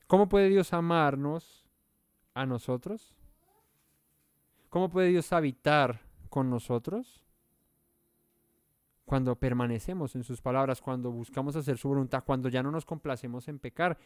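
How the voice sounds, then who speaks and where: A man's voice: medium pitch, a little mellow, clean tone, no echo, studio quality. A man teaching a verse-by-verse Bible study in an earnest, explanatory way. He pushes key points with rising emphasis and sometimes searches aloud for the right word. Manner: self-correcting, searching for words aloud.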